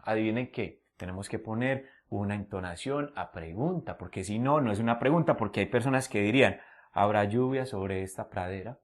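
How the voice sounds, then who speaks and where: A male teacher walks through English grammar in a classroom style. He explains each step slowly, repeats the example sentences, and voices his students' questions before answering them. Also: medium pitch.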